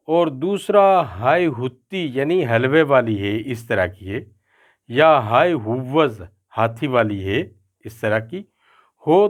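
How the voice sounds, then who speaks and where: An older man with a Pakistani Urdu accent giving a spoken pronunciation lesson, slowing down to say each word carefully. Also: on the high side.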